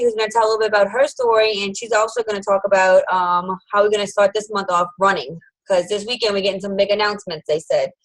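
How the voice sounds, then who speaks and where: A woman's voice: mid-range voice, low-quality recording. A woman hosting a group call, thanking the last speaker and introducing the next. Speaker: host.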